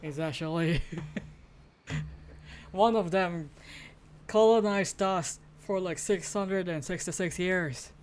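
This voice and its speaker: A man's voice: high voice, takes it slowly, pauses often. A man from the Philippines streaming a game, rambling and joking, swearing and laughing at a desk mic. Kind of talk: casual gameplay commentary.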